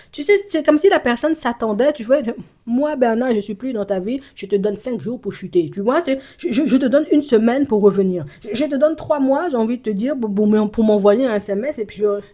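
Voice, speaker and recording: A woman's voice: medium pitch, dark tone. A woman giving a spoken intuitive reading to the viewer as a psychic reader. She rambles, stammers and repeats herself, leans on constant verbal fillers, and slips into speaking in the first person for an absent person.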